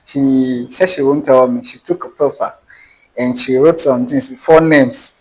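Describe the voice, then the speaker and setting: His voice is mid-range with a breathy edge, and he speaks unhurriedly. A Nigerian-accented interview guest, he tells an animated personal dating story and acts out the dialogue, on a rough recording.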